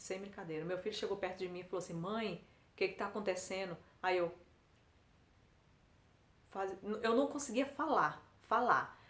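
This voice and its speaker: A middle-aged woman giving a personal testimony, halting and hesitant, with many restarts. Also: mid-range voice. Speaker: testimony speaker. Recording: roomy echo.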